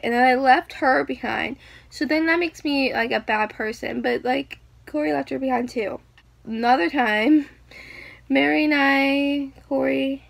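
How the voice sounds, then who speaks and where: A woman's voice: high voice, gravelly, no echo. A young woman telling stories casually, rambling with many fillers and acting out what people said. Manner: animated, acting out quoted screams. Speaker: vlogger. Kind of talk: casual storytelling.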